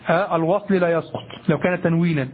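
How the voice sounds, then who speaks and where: A man's voice: on the high side, fairly even intonation, fast, narrow, tinny audio, a little hiss or hum. A man teaching a grammar lesson, explaining patiently, repeating points and checking with his listeners, at times chanting memorized verse. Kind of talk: classroom lecture.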